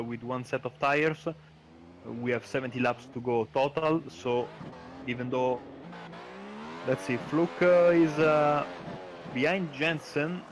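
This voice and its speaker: A man giving live sim racing commentary as a co-commentator, halting as he thinks aloud. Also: medium pitch. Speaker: motorsport co-commentator. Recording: clear car noise behind. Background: race cars.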